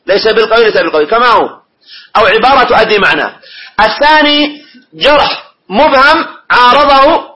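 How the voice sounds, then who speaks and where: Male classroom teacher, high and bright tone, reads and explains, keeps checking students with questions. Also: low-quality recording. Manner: quizzes students with prompting questions. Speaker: teacher of hadith studies. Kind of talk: classroom lecture, reading a text and explaining it.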